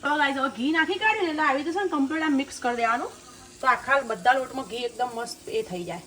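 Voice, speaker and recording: A young woman with a Gujarati accent talks in a high-pitched, fairly bright voice at a quick pace. She's casually chatting in her family cooking vlog, laughing often and calling her viewers "guys."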